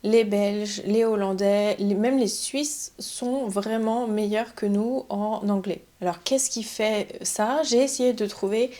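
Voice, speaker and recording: A young adult woman from France, a French teacher calmly explaining step by step in a podcast. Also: mid-range voice, slow pace, hardly any pauses. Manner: calm, methodical explaining, building points step by step.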